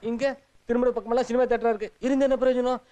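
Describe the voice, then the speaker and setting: A man's voice: very high voice, little pitch movement, racing, mellow. An actor playing a hot-tempered village man in a film drama, pleading and then defiant. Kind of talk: film dialogue. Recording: film soundtrack with music behind.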